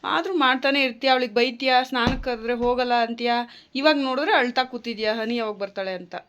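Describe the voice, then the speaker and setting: A young adult woman in a casual home vlog, talking in a gentle, coaxing and reassuring way as a mother soothing her child. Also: fairly high pitch, quick pace, slight background noise.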